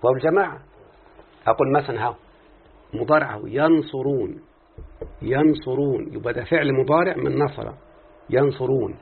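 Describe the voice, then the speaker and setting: In a tinny, lo-fi recording that sounds like it was made on a phone, a man with an Egyptian Arabic accent teaches Arabic grammar to a class. His mid-range voice is creaky and husky, and he explains things step by step while often quizzing his students.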